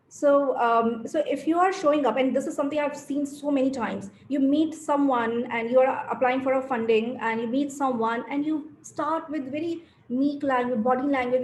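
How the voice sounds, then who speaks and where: A woman's voice: high-pitched, darkish tone, roomy sound, a little hiss or hum. A woman with an Indian English accent, speaking as a panelist on a virtual panel discussion in a thoughtful way, with many fillers. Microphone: video call.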